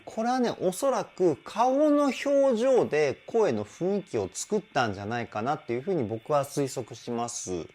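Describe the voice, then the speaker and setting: A man's voice: a little high, darkish tone. A man working as a vocal coach, giving enthusiastic, explanatory reaction commentary on a song and praising the singers often.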